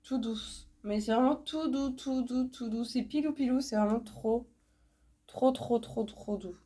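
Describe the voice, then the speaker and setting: Stuffed up and nasal from a cold, a vlogger chats casually while unboxing her recent purchases. She speaks at a measured pace in a mellow, somewhat high voice, talkative, repetitive and heavy on filler words.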